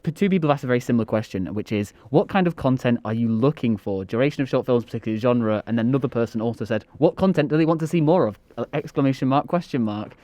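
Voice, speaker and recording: A man's voice: mid-range voice, fast talker, hardly any pauses, mellow, dry recording. A man co-hosting a podcast, joking and blunt as he reads out listener questions. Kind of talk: casual podcast chat.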